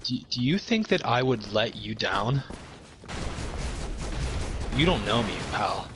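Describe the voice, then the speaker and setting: A man's voice: mid-range voice, sing-song, background noise. Rambling young man over game gunfire. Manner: rambling, halting, swears often. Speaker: podcast guest. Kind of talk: casual chat while gaming. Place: home, at his girlfriend's parents' place. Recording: loud game gunfire behind voice. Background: video game gunfire and explosions.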